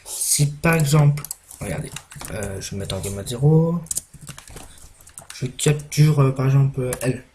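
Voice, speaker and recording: Rambling young gamer, hesitant. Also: male voice, mid-range voice, moderate pace, pauses often, darkish tone, a little hiss or hum. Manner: rambling, hesitant, many fillers and restarts. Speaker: gaming YouTuber. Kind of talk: casual gameplay commentary.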